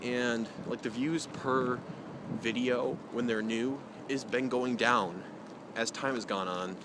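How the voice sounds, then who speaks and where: A man's voice: mid-range voice, fairly even intonation, takes it slowly. A young man vlogging outdoors in cold wind, rambling in a hesitant, self-deprecating way with many fillers. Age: young adult. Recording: loud wind noise on the mic. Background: heavy wind noise.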